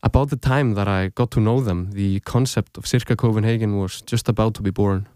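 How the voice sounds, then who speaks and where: Narrating his scripted podcast, a young man with an Icelandic accent, native in the language, takes a measured, reflective storytelling approach. He has a lowish, mellow voice. The studio recording is echo-free.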